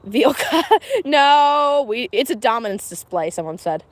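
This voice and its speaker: This Pennsylvania woman speaks a little high, expressively and without hurry, her accent faintly regional within mixed American. Livestreaming outdoor chores with her cows, she chats casually, laughs frequently and keeps things candid. Faint outdoor noise sits in the background.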